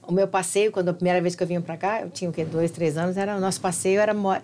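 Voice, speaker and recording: A woman's voice: lowish voice, steady tone, rapid-fire, darkish tone. A woman who grew up in New Jersey, hosting a podcast interview in casual chat with short friendly replies. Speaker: podcast host, immigration lawyer.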